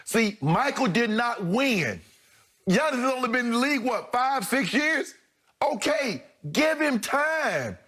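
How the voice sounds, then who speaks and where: Male debate co-host, high voice, forceful and rhetorical. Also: sing-song, a little slow. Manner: emphatic, rhetorical, pushes back forcefully. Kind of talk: debate show commentary.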